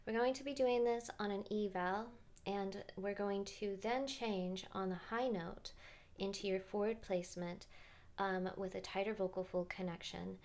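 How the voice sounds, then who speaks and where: A woman vocal coach calmly guiding singers through vocal exercises step by step, with short sung demonstrations. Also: mid-range voice, normal speed. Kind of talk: guided vocal exercise instruction.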